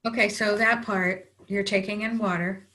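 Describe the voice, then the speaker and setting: Woman, tapping practitioner, calm steady prompts, mid-pitched voice. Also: moderate pace. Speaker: EFT practitioner. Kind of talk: guided tapping session, leading phrases to repeat.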